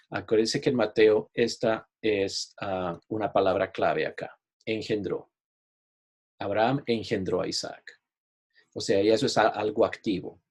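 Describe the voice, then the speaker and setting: A husky, fairly low-pitched man leads a Bible study online, sharing his screen as he teaches. He explains things patiently and keeps checking in with listeners, repeating "¿ok?" to confirm they follow.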